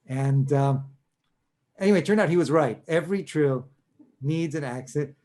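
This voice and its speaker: A man's voice: on the high side, moderate pace, warm tone. A man coaching a violin student in an online masterclass, chatty and encouraging, often interrupting himself and apologizing. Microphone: video call.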